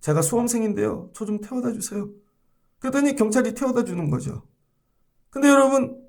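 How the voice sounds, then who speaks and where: A man's voice: high voice, creaky. A middle-aged male pastor preaching a sermon, often asking the congregation questions.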